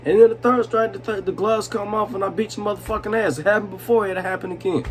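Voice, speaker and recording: A man's voice: high voice, steady tone, quick pace. A young man in his twenties, tipsy from drinking, telling a heated, profane story to the camera. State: tipsy from vodka. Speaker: vlogger. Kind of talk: drunk storytime monologue.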